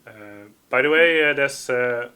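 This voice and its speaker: A man's voice: medium pitch, a little slow, pushed and bright. A man hosting a live music stream, chatting loosely and reading out viewer comments. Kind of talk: casual livestream chat.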